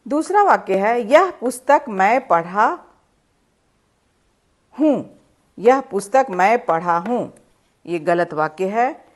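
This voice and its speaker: A woman teacher explains grammar rules patiently, step by step, with plenty of examples. She reads each example sentence slowly and deliberately before correcting it. Her voice sits in a mid register, and she talks into a close mic. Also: mid-range voice. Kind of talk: online grammar lesson.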